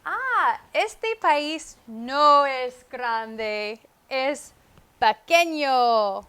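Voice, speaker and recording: A woman teaching Spanish with comprehensible input. She speaks slowly and deliberately, repeats key words and adds short English glosses. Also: sits high, animated, pushed and bright. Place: at a whiteboard. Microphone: wireless microphone.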